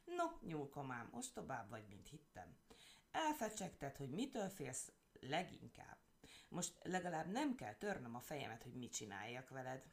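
A woman's voice: extremely low pitch, very animated, heavily acted. A woman voicing a sly, gloating male fox who talks in a mocking, spiteful way.

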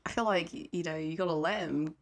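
A woman co-hosting a casual podcast, chiming in with quick reactions. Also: low-pitched. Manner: quick reactive comments, laughs along. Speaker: podcast co-host. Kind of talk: casual chat.

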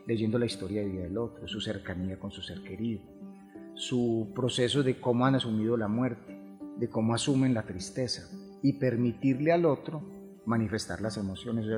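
A man, a grief therapist talking through ideas calmly, answering his own rhetorical questions. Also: mid-range voice. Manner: calm, explanatory, rhetorical questions. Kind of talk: reflective podcast conversation. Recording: long hall reverb, faint music behind.

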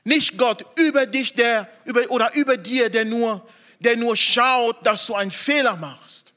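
A man with a high, bright voice preaches a sermon at an unhurried pace, leaning hard on every word and repeating his key phrases. His pitch swings widely between lines. The sound carries a long reverb from a large church hall. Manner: emphatic, repeats phrases and stresses each word.

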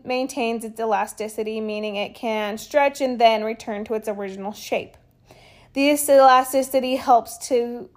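A woman reading a skincare explainer in a steady way, with small stumbles and casual asides. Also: fairly high pitch. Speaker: skincare educator.

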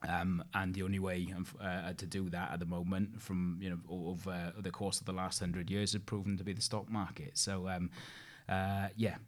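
A man's voice: low voice, little pitch movement, normal speed, few pauses. A man with a British accent explaining things conversationally as an interview guest, informal and rambling with repeated phrases. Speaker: interview guest, investment expert.

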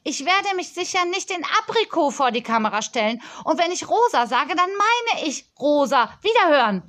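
Brief: woman playing a spoiled rich girl of ten for a storybook, high and loud, prim and demanding. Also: very animated, normal speed.

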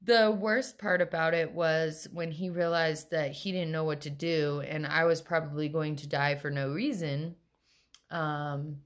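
Telling a personal story in casual podcast chat, a young adult woman co-host speaks in a deep voice, animated and packed with quoted voices.

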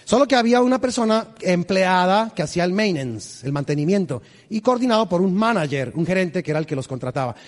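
A man's voice: high voice, animated, quick pace, hardly any pauses. A man from Colombia, preaching a humorous storytelling sermon and quizzing the congregation. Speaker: pastor. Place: large church in Houston. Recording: reverberant church hall.

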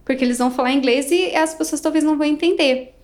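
A woman's voice: high voice, fast, a little mellow. A young Brazilian woman with a Brazilian Portuguese accent, telling a travel story casually, acting out dialogue and laughing often.

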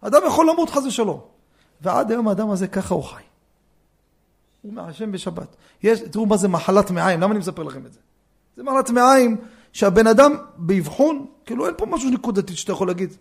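Rabbi, male, lively storyteller with asides; gravelly, husky tone. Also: high-pitched. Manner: lively storyteller, joking asides, swings from hushed to loud. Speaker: rabbi teaching a lesson. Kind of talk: Torah lesson with anecdotes.

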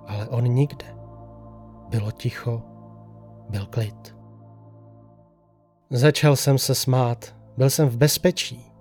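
A man reading a first-person horror story aloud in a slow, hushed, suspenseful way. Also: mid-range voice. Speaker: narrator. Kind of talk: scripted horror story narration.

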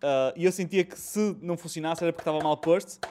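A man with a European Portuguese accent hosts a casual chat about retro gaming, talking fast in a slightly high, slightly mellow voice. He's colloquial and slangy, swearing and mixing in bits of English.

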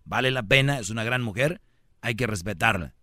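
A man's voice: fairly low pitch, brisk, pushed and bright, no echo, clean studio sound. A man hosting a radio call-in show, giving blunt, emphatic, opinionated advice.

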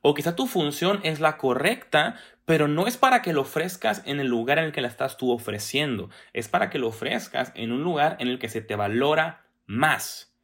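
Young male motivational speaker, slightly high voice, direct and conversational. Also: expressive, moderate pace, few pauses, fairly bright tone. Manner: direct, addresses listener as tú with frequent "¿me explico?". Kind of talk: motivational talk to camera.

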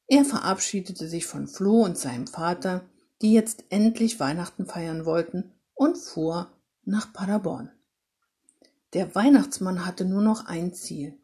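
A woman reading a Christmas story aloud in an expressive, unhurried way. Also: fairly low pitch, vocal fry, breathy edge.

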